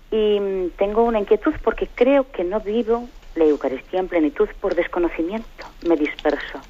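A woman from Spain calling in to a radio show, earnest and soft-spoken as she asks for advice. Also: fairly low pitch. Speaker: caller. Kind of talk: radio call-in question. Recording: dull, faintly noisy phone-in line.

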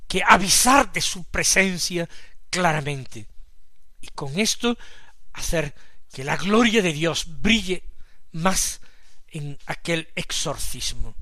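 A man from preaching a radio Gospel reflection, slow and measured, with sudden emphatic swells in loudness. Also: high voice, dry recording. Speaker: preacher commenting the daily Gospel.

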